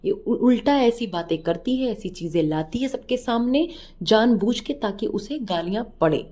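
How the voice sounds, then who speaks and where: A woman's voice: on the high side, animated, normal speed, mellow. A woman giving reaction vlog commentary in a scornful, mocking, scolding way. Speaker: reaction vlogger.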